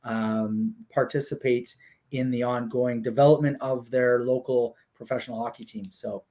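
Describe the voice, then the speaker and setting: At a moderate pace, a man with a mid-range voice steadily explains a hockey league's business model as a guest. His conversational talk is casual and full of fillers like "you know" and "um."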